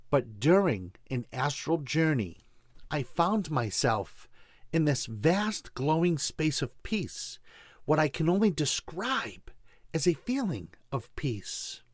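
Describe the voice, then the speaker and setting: A man's voice: fairly high pitch, very animated, takes it slowly, no room sound, studio quality. A man from Boston with a Boston accent, hosting a motivational spiritual talk show in a folksy way, speaking straight to listeners. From Boston, USA. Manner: folksy, addresses listeners directly. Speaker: show host.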